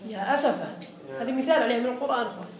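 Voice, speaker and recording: A man's voice: extremely high pitch, rapid-fire, a little hiss or hum. A man teaching a classroom grammar lesson. He quizzes his students and repeats the key phrases. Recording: roomy classroom echo.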